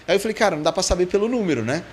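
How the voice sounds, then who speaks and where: A Brazilian Portuguese man on a podcast, telling stories in a fairly high voice that swings up and down a great deal. He acts out every bit of dialogue and keeps breaking into laughter. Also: animated, racing, a little hiss or hum. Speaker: podcast guest. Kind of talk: casual storytelling in a podcast interview.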